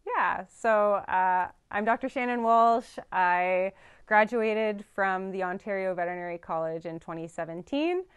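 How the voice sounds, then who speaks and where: Seated in a studio against a dark backdrop, a young farm vet from Canada responds thoughtfully to interview questions, with frequent ums and restarts. Her mid-range voice has a clean tone and a measured pace, though the sound is lo-fi.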